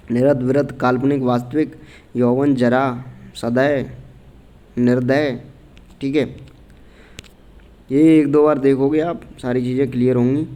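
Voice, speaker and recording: A man running a casual exam-prep grammar class, going through answer options one by one. His voice is mellow and dark, and he talks informally, checking in with students as he goes. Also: mid-range voice, fairly even intonation, unhurried, pauses often. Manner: informal, repeats "theek hai" often, reads out answer options. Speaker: exam coaching teacher. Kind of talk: casual Hindi grammar lesson.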